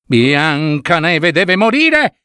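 A man's voice: on the high side, big pitch swings, slow, sharp tone, smooth, no room sound, studio quality, full character voice. A man voicing a vain, envious wicked queen in a storybook reading, with seething exclamations. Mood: furious.

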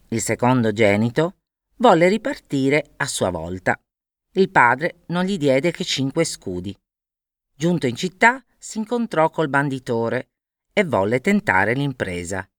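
A woman narrating a fairy tale with an expressive storybook manner. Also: rumbling low, a little slow, dry recording, studio quality.

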